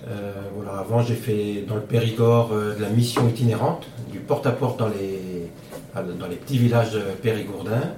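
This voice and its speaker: A priest introducing himself and his past mission work in a radio interview, speaking calmly and steadily. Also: fairly low pitch, moderate pace. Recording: echoey room, distant mic, noisy.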